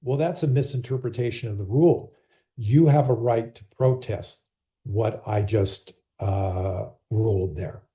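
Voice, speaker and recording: A man with a very dark, mellow voice explains umpiring rules to managers and coaches in a steady, patient tone. He speaks over a laptop microphone on a video call and now and then acts out how a coach and an umpire might talk. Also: fairly low pitch, a little slow. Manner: calm, explanatory, acts out sample dialogue. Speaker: umpire and rules clinic presenter. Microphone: computer or laptop mic on a video call.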